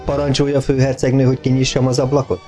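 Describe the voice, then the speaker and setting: A man's voice: mid-range voice, monotone, dark tone, soft background music, close to an everyday voice. A man reading aloud voices a polite, deferential young nurse. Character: smooth, dutiful young nurse with a hidden dark streak.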